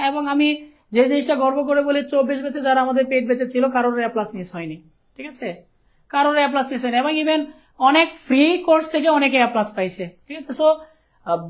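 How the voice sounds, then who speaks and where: A young man from Bangladesh teaching a live online class, chatty and teasing his students, often checking "okay?". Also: very high voice. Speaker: ICT teacher.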